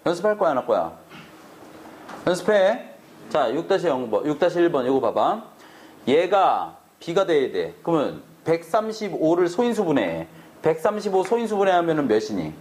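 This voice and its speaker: A man's voice: on the high side, huge pitch swings, moderate pace, a little mellow, a little hiss or hum. A man teaching math to a classroom, brash and teasing, swearing at students in a casual way. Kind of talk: classroom lecture.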